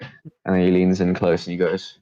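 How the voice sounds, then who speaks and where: A man with a low voice narrates a tabletop game as game master. He describes scenes off the cuff. The recording is a little muffled. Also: completely flat delivery, normal speed, dark tone.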